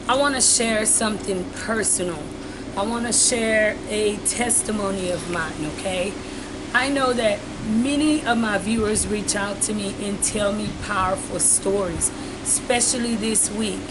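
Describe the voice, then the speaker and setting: An earnest woman from Haiti, speaking with a Haitian accent, tells her viewers a personal story and keeps calling them "you all." Her voice sits in a middle pitch range. The recording has loud background noise, with an air conditioner humming throughout. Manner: switches between English and Haitian Creole. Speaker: vlogger. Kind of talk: personal testimony to camera.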